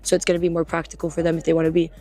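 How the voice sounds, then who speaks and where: Young London-raised woman, student, flat quick delivery, matter-of-fact, music under. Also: on the low side. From grew up in London. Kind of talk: interview answers.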